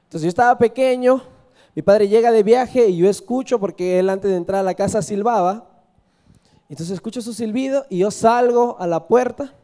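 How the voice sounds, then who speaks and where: Mellow-voiced preacher asking questions. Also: male voice, sits high. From Peru. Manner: storytelling, asks the congregation questions, often adds "¿verdad?". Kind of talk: sermon.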